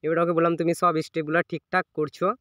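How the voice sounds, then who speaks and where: A man tells a story in a casual vlog style, rattling along quickly and voicing both sides of a conversation. His voice sits a little high and comes through smooth and clear. The recording is close and dry, with no room sound. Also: level tone, a bit bright, dry recording. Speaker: fitness vlogger.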